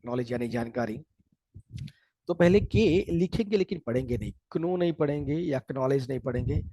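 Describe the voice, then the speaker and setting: A man teaching English, explaining pronunciation and the course, and speaking slowly and deliberately when he switches to English. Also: medium pitch, warm tone, breathy edge, no echo, poor audio.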